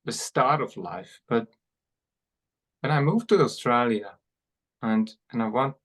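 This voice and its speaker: Speaking in a mid-range pitch and at an unhurried, careful pace, a man from Hungary hosts a podcast and puts interview questions to his guest, coming through clearly. His delivery is halting, with restarted phrases and repeated words as each question takes shape.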